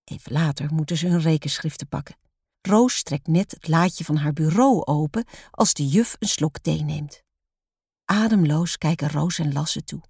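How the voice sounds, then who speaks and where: A woman reading a children's storybook aloud in a calm, measured way. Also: sits low, slightly rough, dry recording, clean studio sound.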